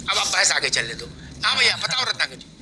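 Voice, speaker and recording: Bright, animated, high-voiced male debate anchor. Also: a little fast, a little hiss or hum. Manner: commanding, calls panel to order. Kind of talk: moderating a TV debate.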